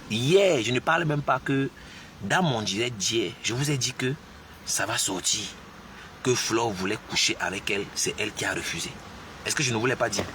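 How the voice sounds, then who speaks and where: A man's voice: mid-range voice, distant mic, background noise. A man giving opinionated live commentary, insisting on his points with repeated rhetorical questions.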